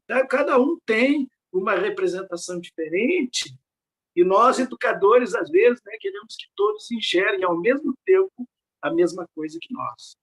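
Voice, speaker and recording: High-voiced man giving a reflective academic talk. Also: very animated, moderate pace, fairly bright tone. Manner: reflective, asks rhetorical questions, frequent "né". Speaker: invited speaker at a research network meeting. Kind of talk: academic talk over slides.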